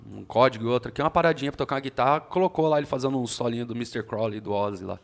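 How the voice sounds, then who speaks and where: Gravelly Brazilian man telling stories. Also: medium pitch, rapid-fire. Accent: Brazilian Portuguese. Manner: relaxed, slangy storytelling. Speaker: podcast guest, senior developer. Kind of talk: casual chat.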